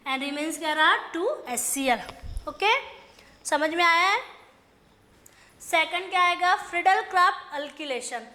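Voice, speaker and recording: A woman's voice: very high voice, bright, forceful tone. A woman teaching an online chemistry lesson, mixing Hindi and English, asking and answering her own questions. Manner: dictates slowly in English, quick in Hindi.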